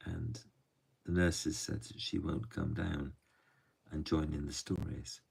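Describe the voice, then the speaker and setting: A man telling a true story softly and gently, often dropping to a hush. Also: extremely low pitch, flat delivery, recorded from a distance. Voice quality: gravelly and husky. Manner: soft, unhurried, often drops to a hush.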